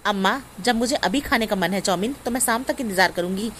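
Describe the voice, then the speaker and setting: A woman's voice: mid-range voice, brisk, fairly bright tone, slight background noise, lightly acted. A woman playing a spoiled, demanding grown daughter who whines and accuses in a family comedy skit. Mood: sulky. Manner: whiny, bossy, accusing.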